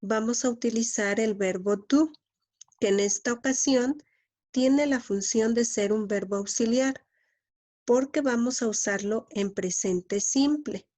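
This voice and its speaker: Woman, English teacher, patient lesson, repeats key words, slow delivery. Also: a little high, a little mellow.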